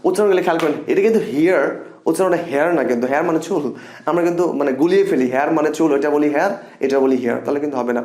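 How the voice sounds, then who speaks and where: Young male tutor, expressive and upbeat, slightly high voice, echoey room. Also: very fast. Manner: animated and expressive, repeats example sentences. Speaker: English teacher. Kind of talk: casual spoken lesson.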